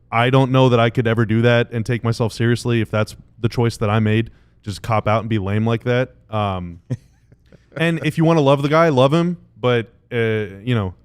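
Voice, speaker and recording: Man, sports podcast co-host, opinionated casual chat, repeats himself for emphasis, mid pitch, dry sound. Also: normal speed, clean tone, no echo.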